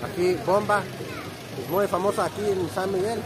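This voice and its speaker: Walking through an open-air street market, this Egyptian vlogger in his thirties chats loosely to the phone camera in his hand, held at arm's length. His Spanish is non-native, shaped by Egyptian Arabic, and full of restarts. His voice sits high, with a steady tone and moderate pace, over loud background noise from the market crowd, traffic and music.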